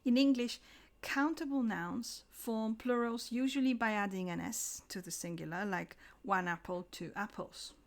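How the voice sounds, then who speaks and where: A woman giving a scripted English lesson, slowing down to pronounce example words carefully. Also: a little high. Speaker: English teacher.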